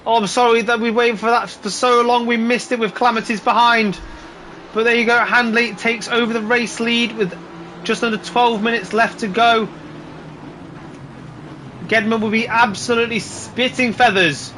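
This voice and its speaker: A man doing live motorsport commentary, calling the race play by play in an excitable, exclaiming way. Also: very high voice, normal speed, slight background noise. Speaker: motorsport commentator on a sim racing broadcast.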